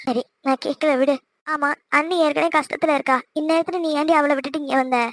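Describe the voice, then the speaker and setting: A woman doing a fretful cartoon mother who scolds fast and frets aloud. The voice is high and quick, recorded close and dry. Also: steady tone, dry recording. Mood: calm. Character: worried talkative Tamil mother, middle-aged. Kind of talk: cartoon voice acting.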